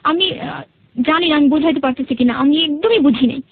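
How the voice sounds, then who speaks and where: Over phone-quality sound, a high-voiced, brisk-speaking woman with a Bangladeshi accent recounts her own story as a radio interview guest. Her explanations come with hesitations and repetition.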